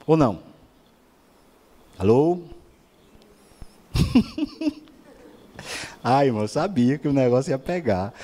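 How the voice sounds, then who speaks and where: A man's voice: on the high side, warm tone. A man preaching a sermon, asking rhetorical questions and acting out other people's voices.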